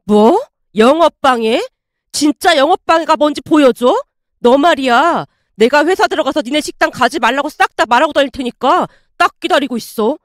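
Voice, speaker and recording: An arrogant young man who sneers and bellows insults at the staff, read by a woman narrator. The voice sits high and swings widely, recorded dry and close. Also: lively intonation, normal speed, no room sound. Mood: yelling. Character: arrogant bullying young male customer.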